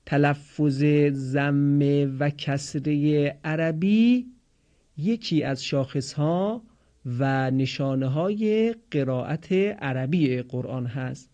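Mellow man teaching pronunciation slowly. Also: a little high. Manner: slow, drawn-out model words, patient explaining. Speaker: Quran recitation teacher. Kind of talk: pronunciation lesson for listeners.

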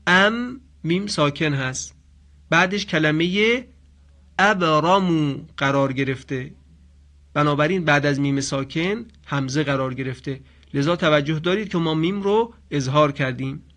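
Male tajweed teacher with a raised voice, patient and explanatory, chants examples slowly. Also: a little high, fairly bright tone. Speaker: Quran recitation teacher. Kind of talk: radio-style tajweed lesson.

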